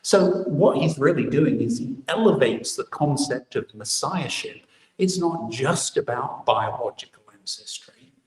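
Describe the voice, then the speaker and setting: A man's voice: medium pitch, lively intonation, a little slow, a little mellow. Man preaching in an echoey church. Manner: explanatory, asks rhetorical questions. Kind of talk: sermon. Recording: echoey church from a distant mic.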